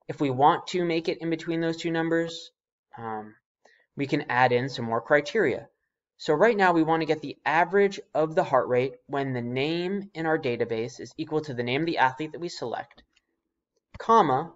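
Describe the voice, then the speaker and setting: Dull-sounding man dictating spreadsheet steps. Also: medium pitch. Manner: spells out formulas symbol by symbol as if dictating. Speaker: spreadsheet tutorial instructor. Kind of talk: casual step-by-step software tutorial. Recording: slightly dull, lo-fi voice-over.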